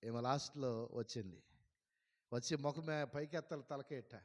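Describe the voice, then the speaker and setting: A man, preaching a sermon as a pastor and telling a story in a lively way. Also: mid-range voice, moderate pace. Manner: lively storyteller who acts out dialogue. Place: church hall. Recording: long hall reverb.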